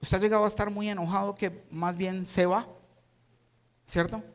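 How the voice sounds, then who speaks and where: A man with a high voice preaches a sermon, throwing dramatic rhetorical questions at his listeners. His words ring out with a long reverb, as in a large church hall. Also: level tone, moderate pace. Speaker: pastor.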